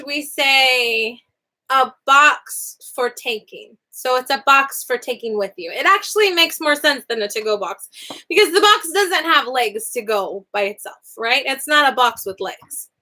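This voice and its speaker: Chatty and animated, a young adult woman runs a casual online class on basic Spanish phrases. She laughs a lot, and her voice keeps swooping between high and low notes.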